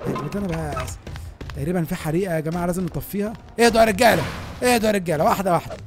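A young man with an Egyptian Arabic accent giving excitable, joking commentary over a school game, given to sudden panicked shouts. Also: racing, over music. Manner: excitable, yelps and shouts in panic, then calms to low asides. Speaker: gaming YouTuber. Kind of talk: comedic gameplay commentary.

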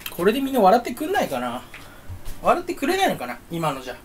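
A man's voice: high-pitched, wildly swooping pitch, quick pace, slight background noise. A young man chatting alone to the camera while standing in a room at home. He rambles, fools around and teases himself. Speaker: YouTuber. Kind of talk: solo casual chat to camera.

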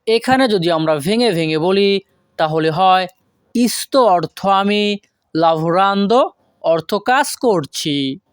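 A language teacher giving an online lesson, saying each foreign phrase slowly twice and asking and answering their own questions. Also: medium pitch, expressive, smooth, dry recording, clean studio sound.

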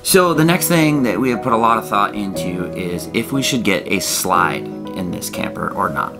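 A man's voice: fairly low pitch, expressive, moderate pace, gravelly, low-quality recording. A man in his thirties talking casually to camera as a vlog co-host, explaining things from inside a small trailer. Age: 30s. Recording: soft guitar music behind the voice.

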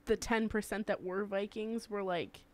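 A woman's voice: mid-range voice, steady tone, moderate pace. Chatty woman on a casual podcast. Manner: chatty, reading off a list, laughs easily.

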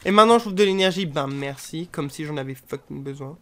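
A woman casually commentating her own gameplay, joking and swearing crudely, with sudden shouted outbursts. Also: low-pitched, quick pace. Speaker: gaming channel host. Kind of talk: casual let's play commentary.

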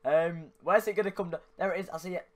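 A young gaming YouTuber talks fast into a desk microphone held close, his high voice steady in tone. His commentary is chatty, and he yelps and laughs whenever things go wrong.

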